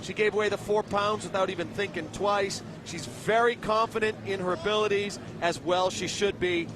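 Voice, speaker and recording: A man doing energetic play-by-play commentary for a fight broadcast. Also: sits high, moderate pace, background noise. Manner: energetic, hyping.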